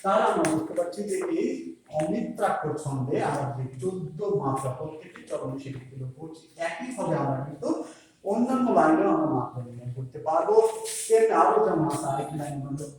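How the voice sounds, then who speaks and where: A male school teacher with a Bangladeshi Bengali accent, patiently explaining poetry meter and counting syllables aloud slowly. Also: a little high, lively intonation, a little mellow, slight background noise. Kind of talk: classroom lesson on poetry meter. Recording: echoey room, voice a bit far from the mic.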